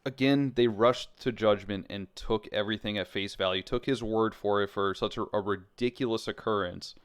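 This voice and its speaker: A man co-hosting a casual podcast chat, lively and acting out quoted people as he talks. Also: lowish voice, normal speed, clean tone. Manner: animated, acts out quotes in put-on voices. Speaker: podcast co-host.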